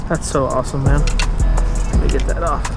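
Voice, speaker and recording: A man hosting a fishing video, talking excitedly to viewers from a small boat on a river, recorded on an action camera outdoors with music playing under him. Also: medium pitch, moderate pace, creaky. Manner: excitable, shouts and laughs on catches. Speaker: fishing vlog host.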